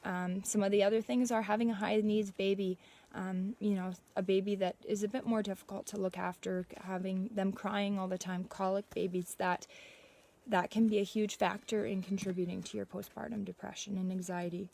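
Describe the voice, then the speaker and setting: Warm and gravelly, her medium-pitched voice stays fairly flat at a normal speed. She's a young adult from Canada chatting informally on a livestream, a mother offering reassurance from personal experience in a conversational way.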